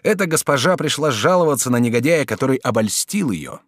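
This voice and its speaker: A man's voice: mid-range voice, lively intonation, a little fast, dry recording, clean studio sound, close to an everyday voice. A man voicing a brash, scheming young man who talks in a pushy, impatient way. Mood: eager.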